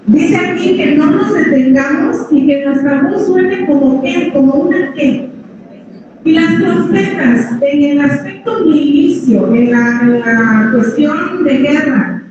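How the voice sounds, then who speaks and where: Woman preacher, big voice, high pitch, distant and roomy. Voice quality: big, strong voice. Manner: addresses listeners as brothers, drops pitch on each "hermanos". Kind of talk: sermon. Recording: echoey hall, from far off, dull sound, noisy.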